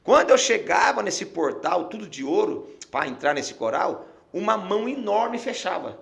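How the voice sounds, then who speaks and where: A middle-aged Brazilian man, a pastor, telling an emotional testimony in a podcast conversation, dropping to a hush as he nears tears. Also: high-pitched, big pitch swings, moderate pace, creaky. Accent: Brazilian Portuguese. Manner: emotional storyteller, falls quiet and near tears.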